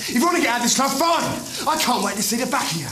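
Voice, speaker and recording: Blunt teammate, fast and high, echoey room, loud noise. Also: male voice, expressive. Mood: angry. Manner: scolding, blunt. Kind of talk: TV drama acting.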